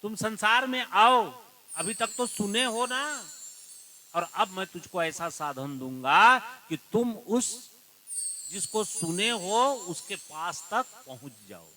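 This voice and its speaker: Man doing an old sage father, pleading, coaxing, slow, high bright voice. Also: lively intonation, a little hiss or hum, heavily acted.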